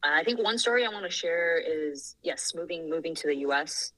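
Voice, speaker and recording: A woman's voice: sits low, expressive, fairly quick, bright, forceful tone, no room sound, poor audio. A woman in her thirties from Thailand, a podcast guest talking earnestly and laughing easily. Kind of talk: casual interview.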